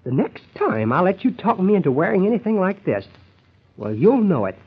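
Bossy grumbling husband, husky voice, swooping animated pitch, impatient cajoling, vintage radio comedy. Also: male voice, fairly quick, full character voice. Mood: grumbling, hushed irritation. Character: exasperated, scheming husband Cecil, grumbling and bossy. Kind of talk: old-time radio comedy acting. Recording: dull, lo-fi old radio recording.

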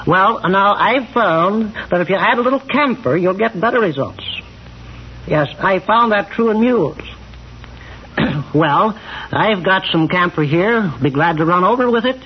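An old-fashioned country animal doctor for a radio comedy, absent-minded and given to rambling. His voice is on the high side, heard through the dull sound and faint noise of a vintage broadcast. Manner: rambling, distracted, throat-clearing, repeats himself. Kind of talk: 1940s radio comedy-drama acting.

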